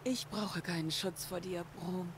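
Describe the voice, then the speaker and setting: An actress voicing a caring sister in a video game, speaking in a gentle, earnest way. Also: female voice, on the low side, fairly even intonation, unhurried, a little hiss or hum, close to an everyday voice. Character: caring sister of a troubled man.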